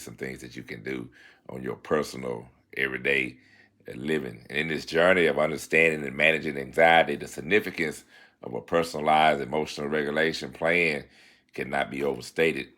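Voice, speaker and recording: A man hosting a self-help talk segment, moving between formal read-out passages and relaxed, folksy asides, often checking in with "all right?". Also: very deep voice. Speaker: show host giving self-help advice.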